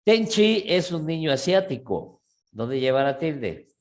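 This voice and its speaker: A man teaching a grammar lesson at an unhurried, deliberate pace, stretching out his words. His voice sits a little high for a man. He keeps pausing to ask whether the class is following and often stops to correct himself. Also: big pitch swings, darkish tone. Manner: patient, checks in with frequent "¿sí?"; restarts and self-corrects often. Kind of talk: online language class.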